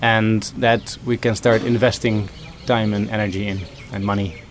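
Man with a thoughtful, halting manner. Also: on the low side, flat delivery, a little hiss or hum. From Netherlands. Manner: thoughtful, many ums and restarts. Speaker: food system consultant. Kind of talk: interview answers.

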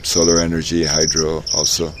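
A man's voice: extremely low pitch, completely flat delivery, normal speed. A man from Ecuador being interviewed, speaking thoughtfully with many fillers and restarts. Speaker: interviewee, engineer and dance teacher. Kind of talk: casual interview. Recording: outdoor noise with loud crickets. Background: loud crickets and insects.

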